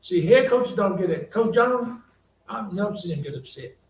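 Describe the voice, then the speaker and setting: An older man tells folksy coaching stories on a panel, putting on the voices of other people. His voice sits fairly high for a man. He is recorded from across an echoey conference hall with a faint hum behind him. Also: moderate pace, distant mic. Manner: folksy, animated anecdotes with quoted voices and laughter. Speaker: college basketball coach, panel speaker.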